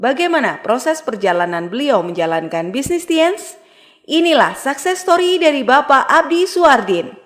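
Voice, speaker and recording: A woman emcee gives a formal introduction with a bright, lively pitch. Her delivery is announcer-like. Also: moderate pace.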